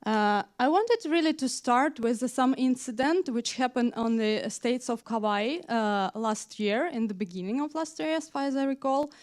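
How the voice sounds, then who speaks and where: A woman from Ukraine, in her thirties, delivers a conference talk on a stage mic. Her voice sits a little high, and her is full of hesitant fillers. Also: expressive, normal speed, few pauses. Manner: hesitant, frequent "uh" fillers, non-native grammar. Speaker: conference speaker, tech manager. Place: conference hall.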